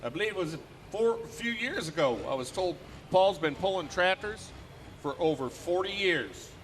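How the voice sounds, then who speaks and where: Male tractor pull announcer, high-pitched, folksy live calls, engine noise behind. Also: lively intonation, moderate pace. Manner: repeats figures, folksy.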